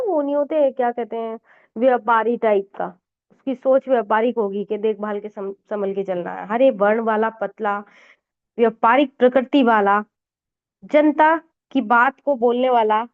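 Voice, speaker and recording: A woman astrologer giving a conversational astrology lesson, explaining with frequent fillers and mixed-in English words. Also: fairly high pitch. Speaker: Vedic astrologer teacher. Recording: tinny phone-like audio.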